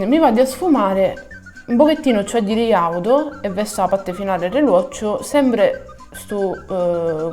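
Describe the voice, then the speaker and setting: Female tutorial host, southern Italian Sicilian dialect, colloquial and repetitive for emphasis, medium pitch, music underneath. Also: a little mellow. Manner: colloquial, repeats words for emphasis. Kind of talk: casual step-by-step makeup tutorial in Sicilian dialect.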